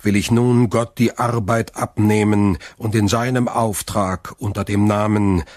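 A man voicing a mysterious noble avenger who speaks slowly in a low, hushed murmur. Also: steady tone, no room sound, studio quality, close to an everyday voice. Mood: solemn, hushed.

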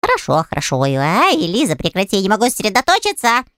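A woman's voice: medium pitch, wildly swooping pitch, fast talker, fairly bright tone, smooth, dry recording, clean studio sound. A woman voicing a small, mischievous winged male creature who whines and squeals in a storybook reading. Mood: whiny. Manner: whiny, squealing.

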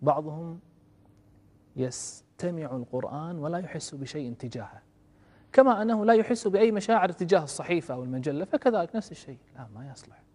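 Guy lecturing on religion, rapid, earnest, soft then loud punchy stress, reverby hall. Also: medium pitch, breathy edge. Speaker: Islamic lecturer.

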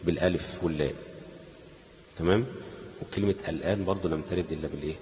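A man's voice: extremely low pitch, fairly even intonation, fast, a little mellow, in a large hall, a little hiss or hum, rough recording. A man with an Egyptian Arabic accent teaching a class on Quran recitation, asking leading questions that the students finish.

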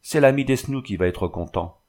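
A man's voice: mid-range voice, lively intonation, normal speed, a little mellow, pitched above the performer's own voice, close to an everyday voice. A man doing a smug, eager village shopkeeper. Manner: eager and pleased with himself. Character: excitable, self-satisfied village haberdasher.

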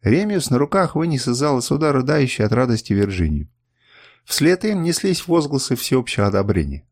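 A man reading a novel aloud as an audiobook narrator, expressive and dramatic. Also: medium pitch, a little fast, dry recording, studio quality. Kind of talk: scripted narration.

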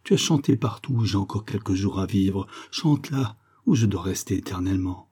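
A man's voice: deep voice, normal speed, mellow, breathy edge. A man voicing a feverish dying poet who passionately implores his lover in an audiobook story. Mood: imploring. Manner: impassioned, imploring.

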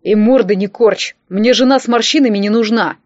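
A woman reading an audiobook and voicing a blunt, bossy older rich man who gives gruff, mocking orders. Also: medium pitch, moderate pace, darkish tone, no room sound, dull audio, natural voice. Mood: barking.

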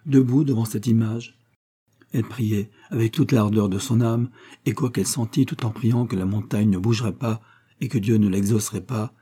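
A man narrating a literary short story for an audiobook in a measured, solemn manner. His voice sits low with a dark, mellow color. A slight huskiness runs through his reading. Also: husky.

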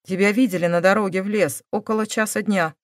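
A woman voicing a calm, stern male police investigator who presses with measured questions. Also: medium pitch, dry recording, clean studio sound, lightly acted.

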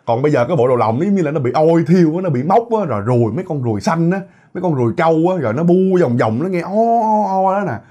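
A man telling a ghost story in a chatty, animated way, talking straight to his listeners with frequent exclamations. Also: on the high side, very fast, hardly any pauses, breathy edge. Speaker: horror story narrator. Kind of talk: casual spoken storytelling to listeners.

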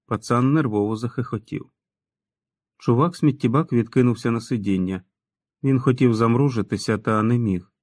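A man's voice: medium pitch, normal speed, darkish tone, no room sound. A man reading an audiobook in a dramatic, storytelling manner. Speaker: audiobook narrator. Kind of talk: scripted narration.

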